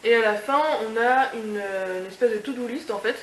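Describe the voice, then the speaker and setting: A woman's voice: on the high side, normal speed. Young woman, casual unboxing chat, gushing, echoey room, noisy background. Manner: gushing, full of fillers and restarts. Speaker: beauty and lifestyle vlogger.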